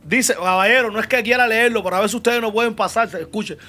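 A man hosts in a notably high voice. He relays audience questions with careful politeness and gently probes his guests. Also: fast talker, soft background music. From Cuba. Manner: reads viewer questions, polite and probing. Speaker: host. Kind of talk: casual interview.

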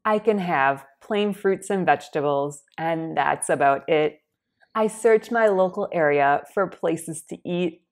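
Slow, congested young woman vlogger. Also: sits low. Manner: slow, careful, plainly worded delivery, often clearing her throat. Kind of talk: scripted personal storytelling. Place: indoors against a plain wall.

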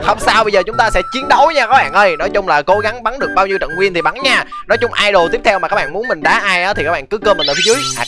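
A man streaming a game, talking fast and excitedly, often exclaiming, over game music. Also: high-pitched. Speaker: gaming streamer.

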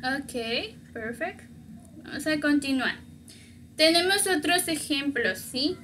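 A woman from Mexico, teaching a beginner language lesson, patiently repeating words slowly to model their pronunciation. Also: high voice, lively intonation, pushed and bright, a little hiss or hum. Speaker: Spanish teacher.

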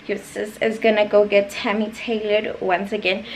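The audio is poor, with clear background noise, as a 21-year-old South African vlogger talks casually and playfully to viewers in sassy slang, camera at arm's length. She speaks at a moderate pace with a medium pitch and flat delivery.

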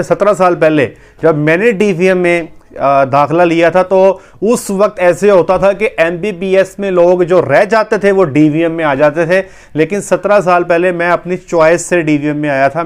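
In a small room with wood-panelled walls, a man in his thirties who works as a vet talks to the camera in a relaxed, earnest way, gesturing while he explains. His voice sits fairly high and comes across clear and resonant through a lapel microphone.

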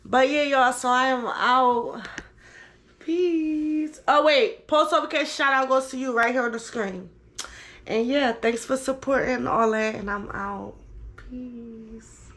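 Giggly high-voiced woman vlogger. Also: unhurried, a bit bright. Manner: giggly, laughs constantly between words. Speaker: YouTube vlogger. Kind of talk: casual prank vlog chat.

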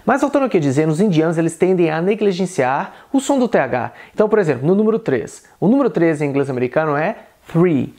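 A man with a Brazilian Portuguese accent teaching an English pronunciation lesson, repeating each example word slowly and carefully. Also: on the high side, big pitch swings, a little mellow.

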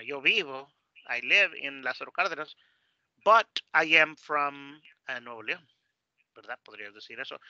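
A man's voice: mid-range voice, pushed and bright, no room sound, dull audio. A man teaching a basic English class online, explaining in Spanish with English examples and lots of fillers and tag questions.

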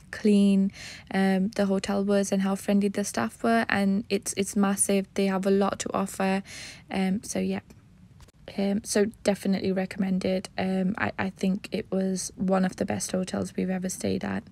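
A woman narrating a travel vlog as a casual voice-over, relaxed and full of ums and uhs. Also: medium pitch, vocal fry. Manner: relaxed, many fillers like um and uh. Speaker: travel vlogger.

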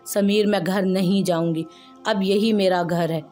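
A woman's voice: medium pitch, steady tone, a little slow, mellow, faint music behind, natural voice. A woman voicing a frightened young wife in a storybook reading, stammering and pleading.

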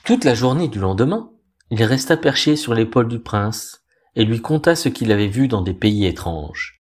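Conteur masculin posé. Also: male voice, medium pitch. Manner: calm, measured, expressive. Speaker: storyteller. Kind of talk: reading a fairy tale aloud.

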